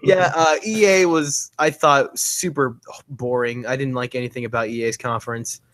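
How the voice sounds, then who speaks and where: A man's voice: mid-range voice, fairly even intonation, normal speed, fairly bright tone. A man co-hosting a gaming podcast in casual chat, talking emphatically with frequent laughs and asides. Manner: chatty, laughs often, emphatic asides like "okay?". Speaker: podcast co-host.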